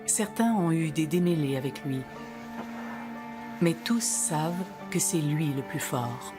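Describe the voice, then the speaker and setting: Low-voiced woman narrating a nature documentary. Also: animated, measured pace. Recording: music behind the voice. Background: background music.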